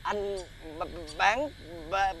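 A man's voice: high voice, drawn-out words, background noise, heavily acted. A man playing a simple-minded, stuttering chicken seller who talks in a whiny, fretful way in a TV fairy-tale drama. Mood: stammering, fretful. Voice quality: heavy stutter.

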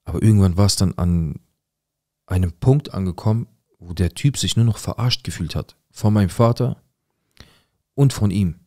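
A man's voice: sits low, moderate pace, pauses often, mellow, no echo, clean studio sound. A man recounting a painful episode from his past in an earnest, tense way, repeating words for emphasis. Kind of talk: emotional personal storytelling.

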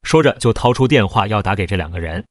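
A man narrating a first-person novel as a storyteller, in a steady, even read. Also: on the low side, fast, no echo, studio quality.

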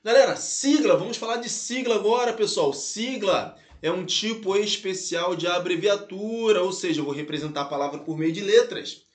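A Brazilian man teaching a grammar lesson online in a lively way, calling out to his students and spelling letters out slowly. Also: high voice, echoey room. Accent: Brazilian Portuguese. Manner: lively, addresses viewers as "galera" and "pessoal", spells letters out slowly.

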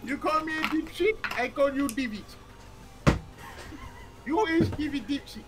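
A man's voice: very high voice, expressive, unhurried, over loud music. A man putting on a voice as an overly polite, pushy male shopkeeper who speaks in broken, formal phrases during a game stream. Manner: fawning, formal, broken grammar.

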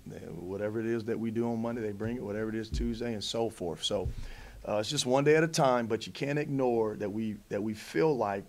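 A man in his thirties, a head coach at a post-game press conference, answering in a measured way with many fillers and restarts into a table mic. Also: on the low side, darkish tone. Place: press conference room in front of a backdrop. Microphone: table mic in front of him.

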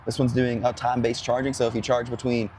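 A hoarse man who is losing his voice, co-hosting outdoors at a charging station in a chatty, rambling way. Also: medium pitch, level tone, fast, darkish tone, slight background noise. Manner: chatty, rambling, full of fillers. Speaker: co-host. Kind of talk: casual explanatory chat.

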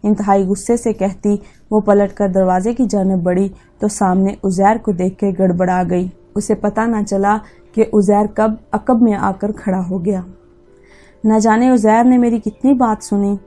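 A woman telling a storybook tale in a mellow, dark voice, with an even, measured delivery. Faint music plays beneath her reading. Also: mid-range voice. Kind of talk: scripted narration.

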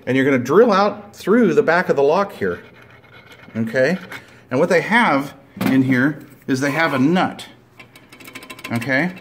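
Man, mid pitch, casual DIY how-to, rambling and plain-spoken, camera mic with faint clicks behind. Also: slight background noise. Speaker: DIY video maker. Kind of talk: casual hands-on tutorial. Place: indoors at a table, hands-on with tools.

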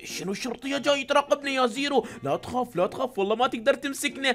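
A woman with an Iraqi Arabic accent hosting excited game commentary, with shouty exclamations. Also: sits high, racing. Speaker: gaming channel host.

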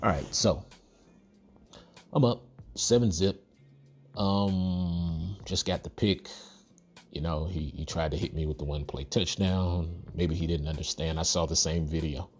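A man's voice: low voice, steady tone, a little slow, pauses often, darkish tone, soft background music. A man hosting a football video game tutorial, giving casual commentary over his own gameplay with cocky, playful trash talk and chuckles.

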